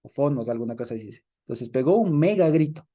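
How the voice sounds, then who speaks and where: Animated man leading a Bible study. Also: a little high, fairly quick. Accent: Ecuadorian Spanish. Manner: animated, laughs often, acts out voices in quotes.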